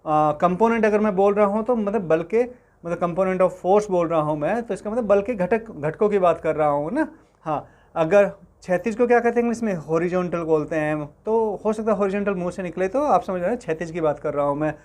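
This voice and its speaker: A man's voice: high-pitched, a little fast, a little mellow. A man teaching physics in Hindi to exam students, friendly and reassuring, often checking that they follow along. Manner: friendly, addresses students as beta, asks for confirmation often.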